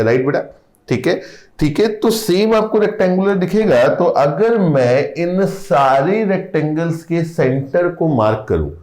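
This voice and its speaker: Male lecturer, speech, slightly high voice, patient explaining style, echoey room. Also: a little mellow. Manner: calls students "beta", keeps checking in with "theek hai". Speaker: engineering teacher.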